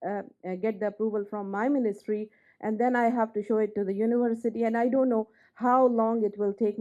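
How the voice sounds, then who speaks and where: A woman's voice: medium pitch, mellow, muffled recording. A woman from Pakistan giving an unscripted graduation testimonial, hesitant with many fillers. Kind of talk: unscripted ceremony speech.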